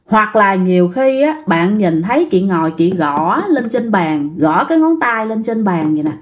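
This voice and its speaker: A woman's voice: mid-range voice, very animated, normal speed. A woman telling a ghost story in a casual, chatty way, speaking straight to her listeners. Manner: chatty, addresses listeners directly.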